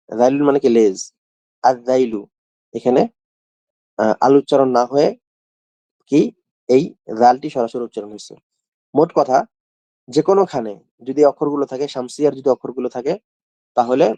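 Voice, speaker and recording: A man's voice: medium pitch, dark tone, no room sound. A man teaching an Arabic class. He repeats key phrases and asks the class questions. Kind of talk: classroom lesson.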